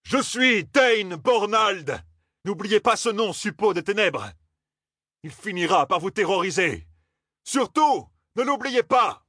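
A man voicing a furious young officer who rants and shouts accusations, in a husky voice for an audiobook. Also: sits high, sing-song, slow, few pauses, dry recording, clean studio sound, voice pushed up, heavily acted. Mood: enraged. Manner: shouting, ranting. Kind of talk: audiobook character voice.

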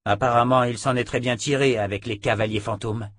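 A man's voice: medium pitch, fairly even intonation, brisk, a bit bright, no room sound, lightly acted. A grim commander grumbles and scoffs at his allies, voiced by the man reading the book. The reading is dry and close, with no room around it. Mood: gruff. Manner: gruff, scornful. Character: grim, gruff male commander.

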